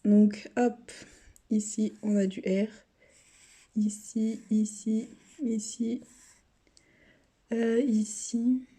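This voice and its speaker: A woman's voice: fairly high pitch, little pitch movement, very slow, pauses often, mellow, breathy edge. A woman YouTuber giving casual running commentary to her viewers, chatty, sometimes dropping to mutters and whispers. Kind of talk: casual running commentary while scratching lottery tickets. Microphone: camera set up on a table.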